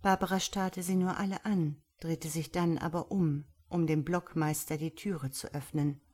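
Woman audiobook narrator, slightly low voice, measured storytelling. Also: steady tone, a little mellow, breathy edge.

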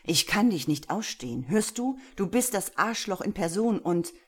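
A woman voicing a tense, quick-tempered young man who snaps and stammers defensively. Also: deep voice, a little mellow. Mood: angry.

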